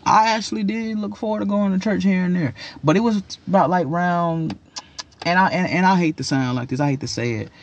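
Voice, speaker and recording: A young man with a gravelly voice giving a casual, opinionated rant in a slangy, rambling, emphatic way, repeating his phrases. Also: high voice, brisk, highs cut off, a little hiss or hum. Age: young adult. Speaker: commentator giving personal opinions.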